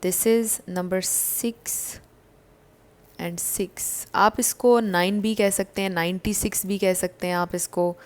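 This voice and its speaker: Smooth-voiced woman giving a tarot reading. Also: medium pitch, steady tone, slow pace. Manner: gentle, reassuring, mixes English phrases into talk. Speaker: tarot card reader. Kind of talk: casual tarot reading to viewers.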